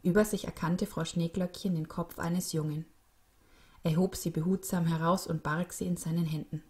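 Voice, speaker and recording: A woman narrating a children's story in a calm, clear, expressive reading voice. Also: lowish voice, normal speed.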